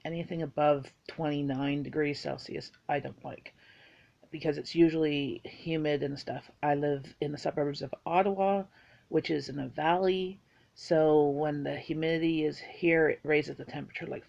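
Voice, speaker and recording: A woman's voice: low voice, fairly even intonation, moderate pace, creaky, a little mellow, lo-fi sound. A woman, chatting casually through a list of facts about herself and rambling with fillers. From Bahamas. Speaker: vlogger.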